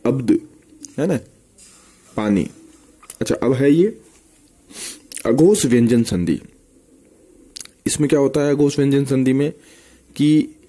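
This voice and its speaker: A man teaching a grammar lesson for exam preparation, breaking each example word into parts and repeating it slowly with tag questions. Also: medium pitch, warm tone.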